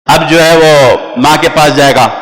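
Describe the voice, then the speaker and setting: A man giving a storytelling sermon, animated, acting out family quarrels and calling his listeners brother. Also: on the high side, crowd noise. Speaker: preacher. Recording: long hall reverb.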